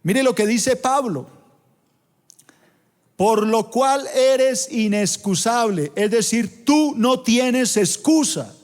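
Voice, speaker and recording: Speaking at a slow pace, a high-voiced pastor with a Colombian Spanish accent delivers a sermon to his flock. The big church auditorium gives his voice a long, ringing reverb, and he stretches out the scripture quotes to emphasize them.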